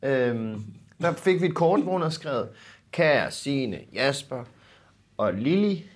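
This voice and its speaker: A man's voice: medium pitch, big pitch swings. A young man, chatting casually and telling anecdotes in informal, sweary language.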